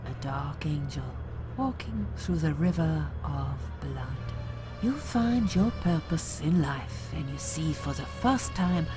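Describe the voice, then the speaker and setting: A woman's voice: sits low, expressive, takes it slowly, over music. An actress voicing a sinister, controlling otherworldly woman in a video game, solemn and menacing. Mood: commanding, vengeful.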